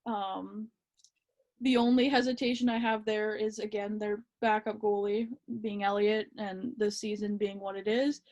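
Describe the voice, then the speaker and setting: A woman co-hosting a casual hockey chat, relaxed and hesitant with lots of ums. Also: medium pitch, measured pace. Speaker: podcast co-host.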